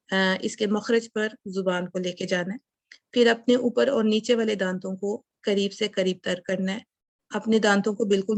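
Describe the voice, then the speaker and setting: A woman teaching a recitation lesson, patient and methodical, pausing to demonstrate each sound. Her voice sits at an ordinary middle pitch. It is recorded close and dry, with no room sound. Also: gravelly, no room sound. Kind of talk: tajweed lesson.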